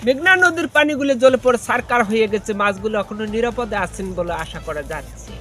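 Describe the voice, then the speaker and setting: A parody TV news anchor with a Bangladeshi accent, acted by a man, declaims silly bulletins with great mock solemnity. The voice is high-pitched and forceful, with faint music behind it. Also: fast. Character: mock-solemn male TV news anchor reading absurd headlines.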